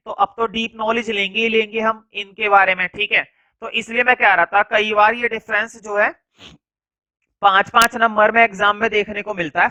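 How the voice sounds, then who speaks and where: A man's voice: sits high, pushed and bright, poor audio. A male science teacher dictating class notes, repeating phrases word by word and adding casual asides with tag questions.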